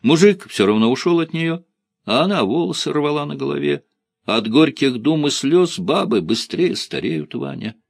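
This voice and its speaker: Guy reading upbeat teasing village woman, lively, a bit mocking, dry close sound. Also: fairly high pitch, moderate pace, gravelly, dry recording, pitched above the performer's own voice. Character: cheerful young village woman, warm and teasing.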